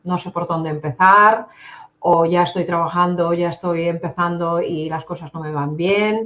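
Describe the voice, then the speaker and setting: A woman in her forties with a Spain Spanish accent, hosting an interview and introducing her guest, talking haltingly with many fillers. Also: fairly low pitch. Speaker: host. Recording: dull lo-fi sound.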